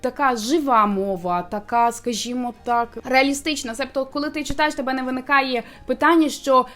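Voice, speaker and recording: Woman chatting about a book, highish voice, explains stuff slowly with lots of fillers, faint music under it. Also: a bit bright. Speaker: booktuber co-host reviewing manga. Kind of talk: casual review chat.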